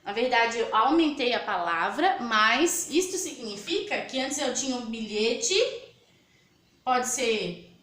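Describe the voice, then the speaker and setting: A woman's voice: fairly high pitch, animated, slow, a bit bright. A woman with a Brazilian Portuguese accent, teaching young children patiently and spelling out sounds and letters. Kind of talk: children's lesson. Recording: echoey room.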